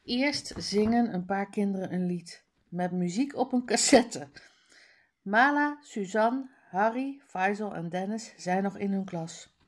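A woman's voice: mid-range voice, unhurried. A woman reading a children's book aloud page by page, with careful word drills. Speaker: reader.

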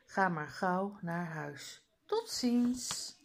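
A woman reading aloud, voicing a friendly female teacher who is getting over the flu, slow and lively. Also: lowish voice, vocal fry, slight background noise, exaggerated voice. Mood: warm. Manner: friendly and welcoming.

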